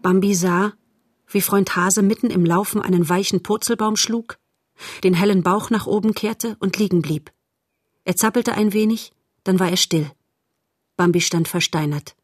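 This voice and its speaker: A woman narrating a storybook in a measured, calm way. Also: medium pitch, no echo, clean studio sound. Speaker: audiobook narrator.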